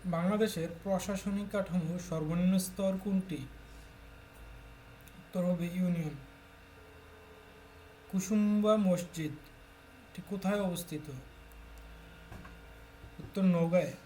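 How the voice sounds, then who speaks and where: Slow, mellow quiz-reading tutor. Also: mid-range voice, a little hiss or hum. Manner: steady question-and-answer recitation, each answer announced after a short lead-in. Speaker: exam-prep tutor. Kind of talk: reading quiz questions and answers aloud.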